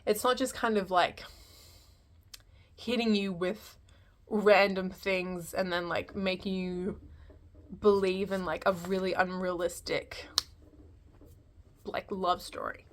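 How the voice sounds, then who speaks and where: A woman's voice: mid-range voice, fairly even intonation, slow, pauses often. Casual woman reviewer, rambling and thinking aloud. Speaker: film reviewer. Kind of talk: casual unscripted movie review.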